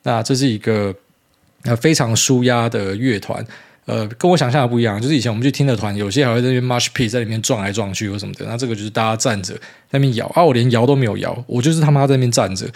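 A man's voice: mid-range voice, fast, gravelly, darkish tone. A man in his thirties with a Taiwanese Mandarin accent, hosting a casual solo podcast in a rambling, blunt way with mild swearing. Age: 30s. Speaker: podcast host.

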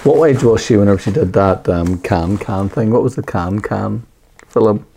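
A middle-aged man co-hosting a casual chat, telling rambling, animated stories with plenty of swearing and restarts. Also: fairly low pitch, moderate pace, vocal fry, slight background noise. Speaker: podcast co-host.

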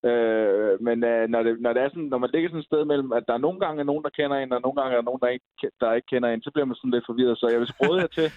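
A man's voice: medium pitch, few pauses, no room sound. Male caller over a tinny phone line. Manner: hesitant, rambling. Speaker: phone-in guest. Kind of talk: casual chat.

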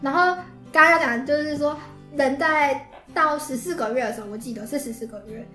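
A woman's voice: high voice, fairly quick, bright, forceful tone, reverberant, faint music behind. A woman with a Taiwanese Mandarin accent explaining things casually as a podcast guest.

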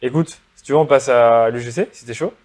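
A man hosting a casual conversational interview, asking questions and quickly chiming in with agreement. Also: mid-range voice, a little mellow. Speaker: podcast host.

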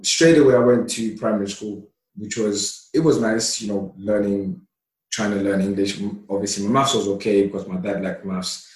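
A man from Somalia, a podcast guest, telling stories from his childhood in a relaxed, chatty way with lots of laughter and fillers. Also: lowish voice, moderate pace. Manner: relaxed, laughs often, many "you know" fillers. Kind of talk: casual storytelling. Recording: roomy, distant mic.

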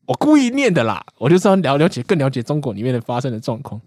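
Fast, joking man on a podcast. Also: mid-range voice, huge pitch swings, a little mellow, dry recording, clean studio sound. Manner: fast, joking, laughs often. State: about to cough. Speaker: podcast co-host. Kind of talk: casual podcast banter.

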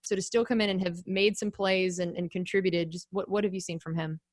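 A woman interviewer asking a football player friendly, measured questions. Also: on the low side, steady tone, no echo, studio quality.

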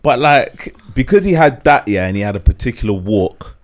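A man's voice: medium pitch, expressive, moderate pace. A man with a London accent bantering casually in a group chat, jokey and full of slang.

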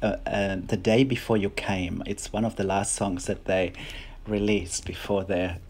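A guest choreographer and dancer, a middle-aged man, chats casually in an interview in English, his second language, with a German accent. His low-pitched voice is steady and darkish, his pace measured, and he hesitates often with restarts and fillers amid slight background noise.

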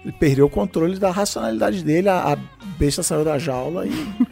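A man, telling lively anecdotes in a casual chat and acting out what people said. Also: high voice, fairly quick, gravelly, slightly rough, faint music behind. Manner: lively storyteller who acts out quotes. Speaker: podcast co-host.

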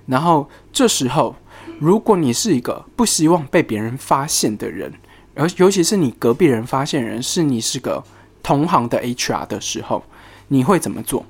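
An HR worker telling a work story in a casual vlog, animated and exclamatory, mixing in English words and the odd curse. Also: medium pitch, normal speed, husky.

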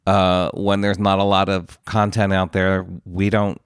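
A man's voice: sits low, monotone, a little slow, smooth, no echo, studio quality. A man co-hosting a casual pop culture chat podcast, with a theatrical, emphatic, campy delivery. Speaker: podcast co-host.

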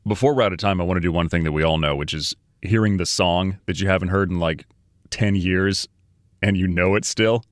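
Deep guy hosting a podcast, chatty short lines, right up on the podcast mic, no room sound. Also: fairly quick, no room sound, clean studio sound. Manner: casual, punchy short phrases. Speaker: podcast host. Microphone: close podcast mic.

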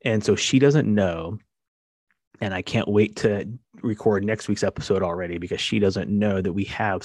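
A middle-aged man talks through a casual podcast monologue, wandering and filler-heavy. His voice sits fairly low. The recording is dry and close, with no room sound. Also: dry recording. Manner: rambling, conversational with many fillers. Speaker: podcast host.

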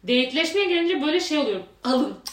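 Fast-talking young woman telling stories. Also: on the high side, echoey room. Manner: animated storyteller, acts out quoted dialogue. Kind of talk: casual chat.

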